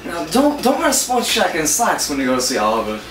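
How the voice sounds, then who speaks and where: A student actor in an amateur scene playing a proud, quick-tempered aging salesman father who lectures and scolds, recorded on a distant camera mic. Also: mid-range voice, wildly swooping pitch. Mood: scolding. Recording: roomy, distant camera mic, faint room hiss.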